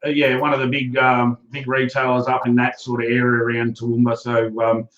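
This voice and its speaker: A man's voice: mid-range voice, completely flat delivery, moderate pace, fairly bright tone. A man with an Australian accent hosting a live stream in a casual, chatty style. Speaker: live-stream show host. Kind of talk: casual chat. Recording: roomy, slightly dull live-stream audio.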